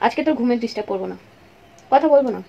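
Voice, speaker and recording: A grumpy young sister kept awake at night, nagging and complaining, played by a woman in a comedy skit. Her voice is slightly high and her words tumble out very quickly. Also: expressive, gravelly, lo-fi sound, very noisy. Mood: irritated.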